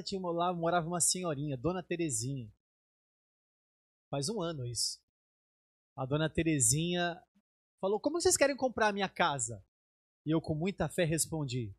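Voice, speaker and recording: A man's voice: slightly rough, dry recording. A middle-aged Brazilian man preaching as a bishop, telling a personal testimony and acting out the dialogue in a raised voice. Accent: Brazilian Portuguese. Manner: animated storytelling, acts out dialogue in raised pitch. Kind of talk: sermon testimony.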